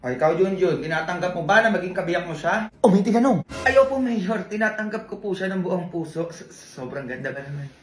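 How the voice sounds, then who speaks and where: A woman acting out comic family and classroom skits, switching between characters in a lively, teasing way. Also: lowish voice, brisk, echoey room. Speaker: comedy sketch performer. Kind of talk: skit comedy acting many characters.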